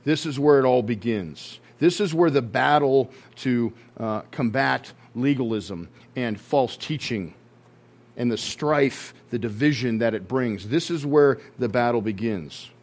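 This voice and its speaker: A man's voice: mid-range voice, measured pace, darkish tone. A man, a pastor, preaching an earnest sermon to his church and often repeating words as he restarts his sentences.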